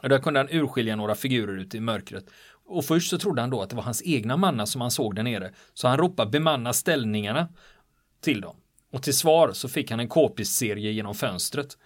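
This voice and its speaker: A man's voice: mid-range voice, no room sound, clean studio sound. Man animatedly retelling a wartime story. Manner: animated, vivid retelling with quoted dialogue. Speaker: storyteller recounting wartime history. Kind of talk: casual spoken history telling. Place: on the island where the events happened.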